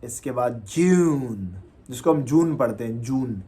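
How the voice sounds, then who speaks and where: Male teacher, slow and deliberate, mixes Urdu and English, drills each word. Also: mid-range voice, expressive, mellow, slightly rough. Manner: slow, drawn-out demonstration of words. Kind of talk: casual video lesson.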